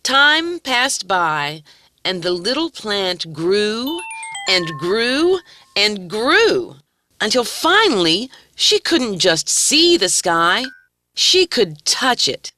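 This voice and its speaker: A woman narrating a children's story gently and expressively. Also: mid-range voice, very animated, very slow, faint music behind.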